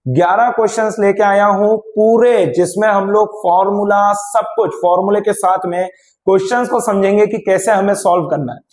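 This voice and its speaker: High-pitched male physics teacher, echoey room. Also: darkish tone. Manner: addresses students as beta, mixing Hindi and English; reads question text slowly and deliberately. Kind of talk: exam-prep lecture. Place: classroom studio at a smart board.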